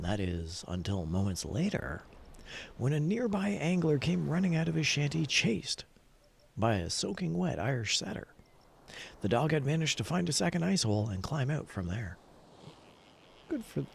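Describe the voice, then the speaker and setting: A livestream host, a man of medium pitch, chats casually about gaming and reads a story aloud. He rambles, repeats himself, and narrates what he's doing as he goes, with distinctly audible background noise in the recording.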